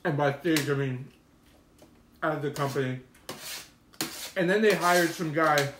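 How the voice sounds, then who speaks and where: Guy with a slightly high voice rambling to his stream viewers, opinionated and slangy, roomy echo. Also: a little slow, noisy background. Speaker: mukbang streamer. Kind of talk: casual rambling live-stream chat to viewers. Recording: roomy, echoey room sound.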